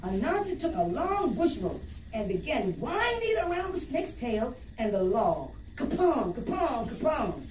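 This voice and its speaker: A woman's voice: a little high, big pitch swings, moderate pace. A woman reading a story aloud to young children, stopping to explain it in simple words and ask them questions. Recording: roomy, distant mic, faint noise.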